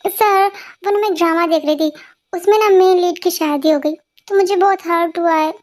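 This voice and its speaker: A woman's voice: very high-pitched, fairly even intonation, moderate pace, a little mellow. A woman voicing a tearful young office employee who answers her boss meekly in a dubbed fan story. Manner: sniffly, meek.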